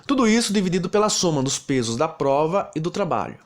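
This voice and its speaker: Lively Brazilian man teaching a lesson. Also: on the high side, quick pace. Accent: Brazilian Portuguese. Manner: steady, explains step by step. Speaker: programming teacher. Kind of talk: recorded lesson narration.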